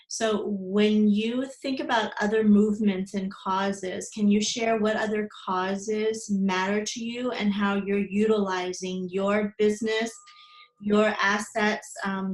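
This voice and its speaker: A woman hosting an interview, asking measured questions. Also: medium pitch, fairly even intonation. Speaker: interview host. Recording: echoey room.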